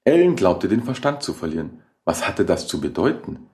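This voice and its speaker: Deep, mellow male horror narrator. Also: big pitch swings, normal speed. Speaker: audiobook narrator.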